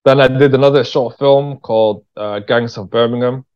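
Smooth and darkish in tone, a medium-pitched male voice with fairly even intonation and a moderate pace belongs to an English writer-director. As an interview guest, he tells stories casually, candidly, and with slang. The recording comes across as dull and lo-fi.

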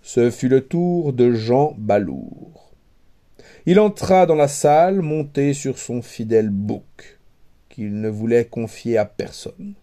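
A man narrating a fairy tale aloud in a measured, wry storytelling manner. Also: medium pitch, lively intonation, warm tone. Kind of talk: storybook reading.

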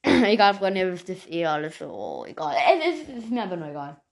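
A woman's voice: on the low side, big pitch swings, brisk, vocal fry. A woman narrating her homemade audio episode in a rambling, casual way, talking straight to her listeners. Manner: rambling, full of fillers, addresses listeners as friends. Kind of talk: casual chatty narration to viewers.

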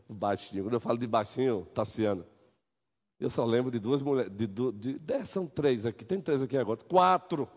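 A man with a Brazilian accent, a pastor teaching a relaxed Sunday-school Bible lesson, joking and acting out everyday scenes. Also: medium pitch, normal speed, slightly rough. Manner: animated, joking, acts out scenes. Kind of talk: informal Bible lesson with acted examples. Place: church hall. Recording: echoey church hall.

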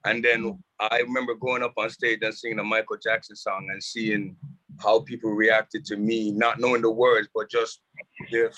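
A man's voice: fairly low pitch, moderate pace, dull audio. A man from Jamaica, a music producer, telling stories with animation in casual conversation from a rehearsal building. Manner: animated storytelling.

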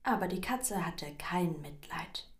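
A woman reading a children's story aloud with expressive, dramatic pauses. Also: lowish voice.

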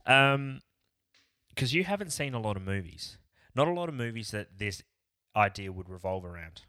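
A man's voice: on the low side, sing-song, normal speed, sharp tone, no room sound, studio quality. A man co-hosting a podcast, rambling in casual chat and throwing in jokey bits. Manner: rambling, jokey, tries silly accents. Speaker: podcast co-host.

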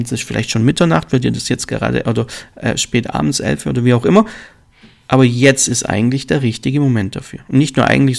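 Man, gravelly low voice with fry, earnest coaching monologue, direct and encouraging. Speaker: motivational coach. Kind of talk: motivational monologue.

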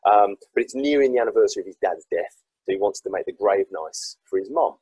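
Fast-talking, very husky Englishman. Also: lowish voice, dry recording, rough recording. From South East England. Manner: animated, self-deprecating storytelling. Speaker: podcast guest, author. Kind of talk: casual podcast chat.

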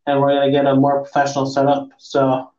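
A man's voice: medium pitch, monotone, quick pace. Man podcasting as if inside an echoey fishbowl. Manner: crude dark-humored joking, swearing. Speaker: podcast host. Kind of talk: casual joking podcast chat. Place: echoey room, not soundproofed. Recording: echoey untreated room, fishbowl-like, muffled.

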